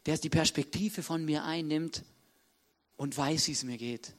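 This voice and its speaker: A man's voice: on the high side, measured pace. A man preaching an informal sermon, talking straight to the congregation and acting out quotes in a chatty, direct way. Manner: casual, direct, addresses listeners as "du", acts out quotes. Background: music playing under the speech.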